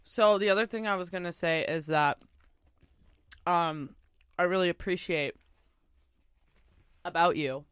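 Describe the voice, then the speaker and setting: A woman's voice: fairly low pitch, unhurried, long pauses, a bit bright, smooth, no room sound. A young woman co-hosting a podcast, chatting casually and swearing freely while eating. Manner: profane, laughing, eating while talking. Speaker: podcast co-host. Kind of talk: casual chat over a meal.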